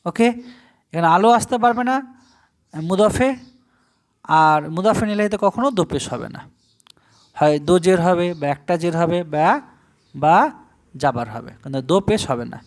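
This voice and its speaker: An animated man from Bangladesh whose voice sits high teaches an online Arabic grammar lesson in Bengali. He moves through the material step by step and spells out the Arabic words slowly.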